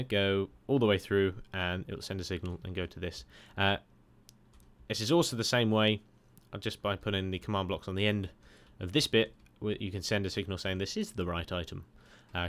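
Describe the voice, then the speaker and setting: A man's voice: low voice, normal speed, a bit bright. A man casually narrating a game tutorial over a screen recording, chatty and rambling with lots of "uh"s. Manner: rambling, chatty, many filler "uh"s.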